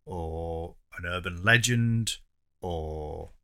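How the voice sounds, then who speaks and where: A man's voice: low-pitched, drawn-out words, creaky, bright, forceful tone, clean tone. A man, co-hosting a podcast in casual, teasing chat that often trails off into fillers. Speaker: podcast co-host.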